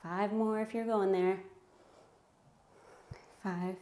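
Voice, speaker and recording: A woman's voice: mid-range voice, fairly even intonation, takes it slowly, mellow, reverberant. A woman leading a home workout, counting reps and giving encouraging cues while out of breath. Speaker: fitness instructor. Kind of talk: guided home workout instruction. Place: home room.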